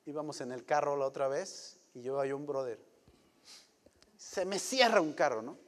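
A middle-aged pastor preaches in a slightly high voice, chatty and full of quick rhetorical questions. His sermon echoes with a long reverb through a church hall. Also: animated.

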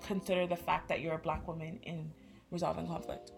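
A woman's voice: deep voice, fairly quick, creaky, over music. A young woman in her twenties from Canada, hosting a casual chat and telling stories with lots of fillers. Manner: animated storytelling with lots of fillers.

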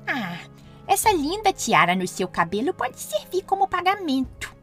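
A woman's voice: sits high, sing-song, normal speed, fairly bright tone, soft background music, voice pushed up. A woman voicing a wicked queen disguised as an old apple-selling woman in a children's storybook reading, with a wheedling, sweetly sinister manner.

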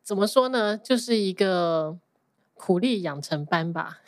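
A woman's voice: fairly low pitch, expressive, a little slow, dry recording. A woman with a Taiwanese Mandarin accent talks casually as an interview guest, dropping English words into her sentences. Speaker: podcast guest, accountant.

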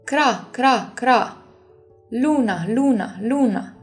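A woman reading a storybook, voicing a frantic crow that caws loud warnings in shrill cries. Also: faint music behind, close to an everyday voice. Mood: urgent.

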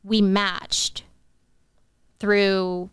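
A woman in her thirties, a podcast guest, telling a personal story in a lively, quick way. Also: mid-range voice, clean tone, no room sound, studio quality. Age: 30s. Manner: animated, quick-talking, breaks into laughs. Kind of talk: casual storytelling.

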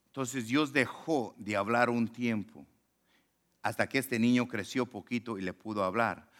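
A male pastor preaching a sermon, swinging between loud emphatic lines and low murmured asides, and acting out the voices in the story. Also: measured pace. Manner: acts out quoted voices in the story.

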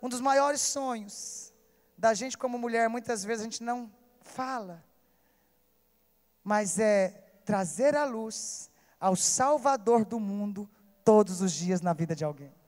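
A Brazilian woman pastor with a Brazilian Portuguese accent preaches a sermon slowly in a high, bright voice, shifting between loud, urgent appeals and hushed, tender storytelling. She tells stories emotionally and calls out to listeners, her voice ringing through an echoey hall with a long reverb tail.

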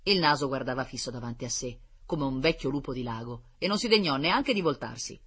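Lively, bright-voiced fable reader. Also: medium pitch, a little fast, slightly rough. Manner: expressive, lively storytelling. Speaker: storyteller. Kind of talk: children's fable reading.

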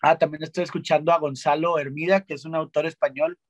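A young man from Monterrey, telling stories as a guest in a casual, slangy, animated way with lots of restarts. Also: a little high, fast talker, no echo. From Monterrey, Mexico. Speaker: guest singer-songwriter. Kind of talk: casual interview chat.

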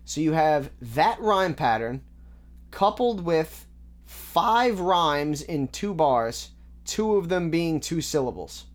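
A man's voice: a little high, sing-song, takes it slowly. A man with a slightly raised voice talks through rap lyrics in a casual, analytical way. He works methodically, bar by bar, and often stops on an um or restarts a phrase. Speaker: music reaction host.

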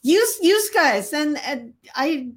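A woman raised in Canada hosting a casual live-stream interview, chatty and quick to laugh. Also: high-pitched, very animated. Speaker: podcast host.

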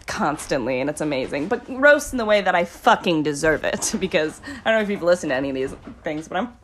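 A woman's voice: low-pitched, lively intonation, fast talker, fairly bright tone, a little hiss or hum. A young woman hosting a podcast in casual chat, rambling and swearing, often giggling as she introduces friends. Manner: giggly, breaks into laughter often. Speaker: podcast host.

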